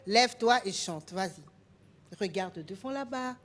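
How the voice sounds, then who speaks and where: A woman hosting a children's program, coaxing and urging the kids to sing louder. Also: mid-range voice, animated, a little slow. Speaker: children's TV show host. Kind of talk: leading children's show segment.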